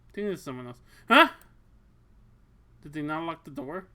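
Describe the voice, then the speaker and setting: A Twitch streamer reads a visual novel's narration out loud in a casual way, interrupting with crude jokes, profanity and plenty of laughter. The delivery is expressive and forceful, bright in tone, mid-range in pitch and moderately paced.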